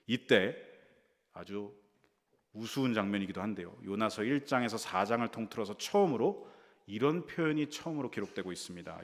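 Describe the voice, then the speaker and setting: A male associate pastor preaching a sermon in a church, telling the story expressively and addressing the congregation. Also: lowish voice. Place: church sanctuary. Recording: reverberant church hall.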